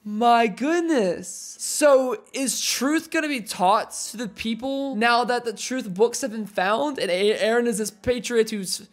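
An anime episode gets excitable, casual reactions from a man in his twenties, who exclaims, laughs and reads the subtitles aloud. His pitch is extremely high and his delivery unhurried, with few pauses, captured on a headset in a small room at home.

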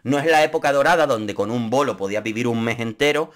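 A man's voice: mid-range voice, fast talker, a bit bright. A young man from Spain with a Spanish accent, giving a camp, sarcastic running commentary on a reality show and breaking into shrieks and mock voices. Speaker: youtuber commentator.

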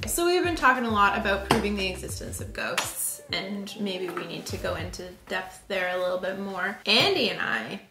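A woman's voice: mid-range voice, animated, normal speed, hardly any pauses, music in the background. A woman co-hosting a casual home video with playful, wry joking. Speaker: co-host. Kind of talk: casual chat. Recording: echoey room.

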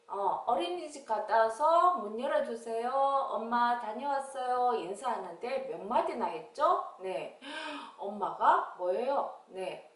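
A woman teacher leading an English lesson for young children, with a sing-song manner and big pitch jumps on the English words. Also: a bit bright, echoey room, far from the mic.

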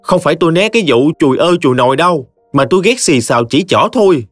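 A man's voice: on the high side, animated, fast, no room sound, faint music behind, pitched above the performer's own voice. Man doing a defiant sulky young bride. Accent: Southern Vietnamese. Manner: whiny, defiant. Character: sulky sharp-tongued young bride, woman.

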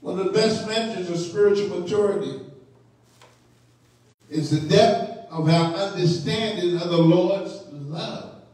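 A man's voice: high-pitched, darkish tone. A man, a bishop, teaching a midweek Bible study sermon in a church, drawing out his phrases and calling out to the congregation for responses. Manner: unhurried, drawn-out phrases with call-and-response to the congregation. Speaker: bishop preaching. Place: church sanctuary. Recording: echoey church hall from far off.

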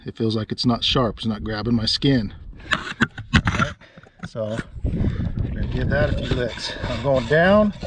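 A man's voice: medium pitch, measured pace, pauses often, far from the mic, background noise. A middle-aged man giving a casual, plain-spoken how-to demonstration outdoors in a rural yard, recorded on an action camera close by. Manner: folksy, plain-spoken, self-correcting. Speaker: chainsaw instructor.

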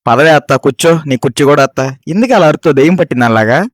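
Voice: medium pitch, animated, racing, slight background noise, lightly acted. A performer voicing a young in-law who teases the angry mother-in-law. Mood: teasing. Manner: teasing, mocking.

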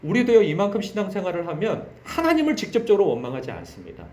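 A male pastor delivers an early-morning sermon in a high, animated voice that swings widely in pitch. He presses his points with rhetorical questions and acts out dramatic laments. The room gives his voice a noticeable echo. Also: fast.

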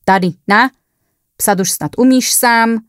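A woman's voice: a little high, a bit bright, no room sound, clean studio sound, voice pushed up, natural voice. A woman voicing a rude, impatient young male paramedic who barks orders and mocks in coarse slang, in a horror story reading. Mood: mocking, impatient.

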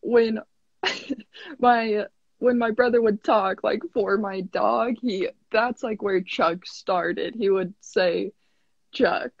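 A woman's voice: on the high side, slow pace, dry recording. Shy young woman, dry lo-fi sound. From South Dakota, US. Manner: shy, hesitant, giggly. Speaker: interview guest. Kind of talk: casual interview.

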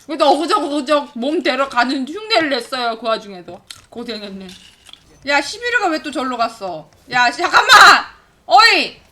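A woman in her forties streaming a game live, chattering with high energy, laughing often and shouting at her teammates. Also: big pitch swings, brisk, slight background noise. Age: 40s. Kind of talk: excited live gameplay commentary.

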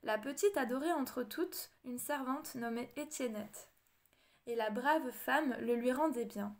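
A woman reads a storybook audiobook aloud in a measured, expressive style. Her voice is high for a woman.

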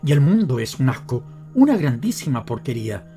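A man with a Latin American Spanish accent voicing a furious, grieving miserly father who shouts and rails bitterly in an audiobook. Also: mid-range voice, big pitch swings, moderate pace, soft background music.

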